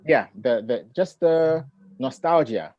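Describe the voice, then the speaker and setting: A middle-aged man who grew up in Ghana, a poet, reading his poems and talking about family in a measured, reflective way over a video call. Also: medium pitch, expressive, no room sound, muffled recording. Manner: measured and reflective, with thoughtful pauses. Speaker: poet and author. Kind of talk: poetry reading and relaxed conversation.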